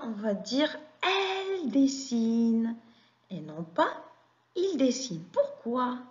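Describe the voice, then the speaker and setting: A woman teaches very young pupils at an unhurried, deliberate pace, stretching out every word and pausing for answers. Her questions and quick praise come in a patient classroom manner. The sound is dull and a little lo-fi. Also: medium pitch. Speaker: French teacher. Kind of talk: classroom lesson for young children.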